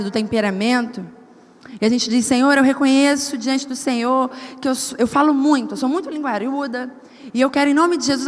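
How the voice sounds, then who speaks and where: A woman preaching a sermon at a women's service, telling personal stories in an animated way and acting out the dialogue. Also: high-pitched. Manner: animated storytelling, acts out quoted dialogue. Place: church hall. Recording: church hall with long reverb.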